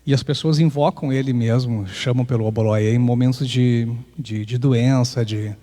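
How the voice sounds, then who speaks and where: This podcast host, a man with a Brazilian Portuguese accent, talks casually about Afro-Brazilian myths and includes a sung chant, recorded in a large hall. His medium-pitched voice is steady and warm at a moderate pace, though he sounds hesitant and reflective, frequently starting sentences over.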